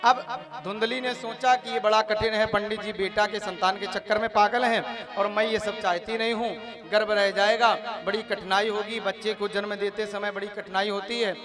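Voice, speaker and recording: Male preacher, high voice, lively devotional storytelling with clear music behind. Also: normal speed. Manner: lively storytelling, chanting verses.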